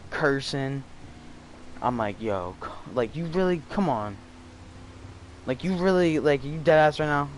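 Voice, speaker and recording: Young guy, casual storytime vlogger: slangy, profane, rambling delivery, mid-pitched, faint background noise. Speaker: student storyteller.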